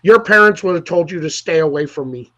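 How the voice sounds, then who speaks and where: A man's voice: fairly high pitch, lively intonation, fairly quick, sharp tone. A man, hosting a casual interview chat and telling rambling stories with many restarts. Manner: loose, rambling storyteller with frequent restarts. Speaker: podcast host. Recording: dull lo-fi audio.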